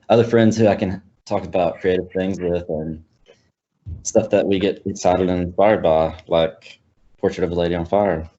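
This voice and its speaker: Young man, very deep voice, dark tone, hesitant, filler-heavy, muffled lo-fi audio. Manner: hesitant, lots of fillers and restarts. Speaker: college student panelist. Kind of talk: casual film discussion.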